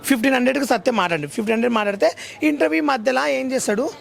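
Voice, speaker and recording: A man, talking at a rapid clip in an agitated, heated interview. His voice sits very high and has a gravelly edge. He keeps slipping into a mocking, broken-English imitation of others.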